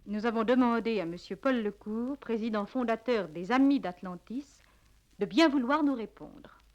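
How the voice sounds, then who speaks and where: A woman's voice: fairly high pitch, moderate pace, lo-fi sound. A woman presenting a radio programme in formal scripted narration, on worn 1950s tape.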